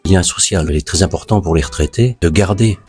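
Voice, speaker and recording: Very deep-voiced man in his sixties. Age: 60s. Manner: halting, many fillers. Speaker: retiree. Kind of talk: interview testimony. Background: soft guitar music.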